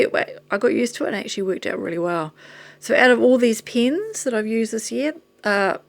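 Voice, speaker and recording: Here a vlogger with a New Zealand accent sounds worn out and is losing her voice, a little hoarse as she holds things up for the camera. Her pitch sits mid-range, and her talk is chatty, self-mocking and prone to wandering off the point.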